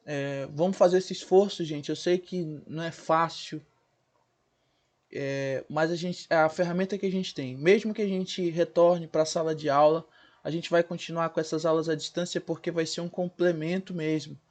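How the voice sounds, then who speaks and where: A male teacher, giving a recorded grammar lesson and sounding out words slowly, syllable by syllable, often checking in with his class. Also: fairly high pitch, steady tone, a little mellow. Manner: checks in with the class, asking "né?" and "certo, gente?".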